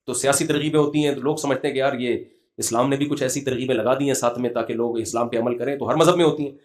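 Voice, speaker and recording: A man's voice: medium pitch, steady tone. A middle-aged man giving a conversational sermon, mixing humorous anecdotes with recited Quranic verses. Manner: storytelling, humorous, quotes Quranic verses in Arabic. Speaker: Islamic scholar giving a religious talk.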